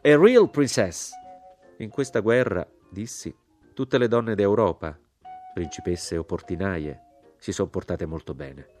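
A man reading a literary novel aloud in a calm, measured way. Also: low-pitched, faint music behind. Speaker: audiobook reader.

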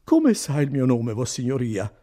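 A man voicing an indignant young peasant who protests loudly, his voice raised. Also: medium pitch, wildly swooping pitch, measured pace. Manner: loud, raised and exclaiming.

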